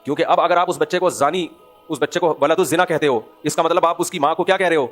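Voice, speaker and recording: A man with a somewhat high voice and a Pakistani Urdu accent delivers a religious lecture to a gathered audience. He preaches with animation, pressing home loud rhetorical questions before sliding into quieter asides. Faint music sits under the recording. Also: fairly even intonation. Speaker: Islamic scholar giving a lecture.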